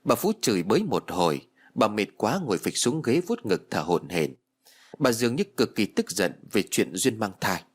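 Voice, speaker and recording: Husky guy reading a ghost story, voice goes up and down a lot. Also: on the low side, normal speed. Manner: expressive storytelling. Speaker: audiobook narrator. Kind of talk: storytelling narration.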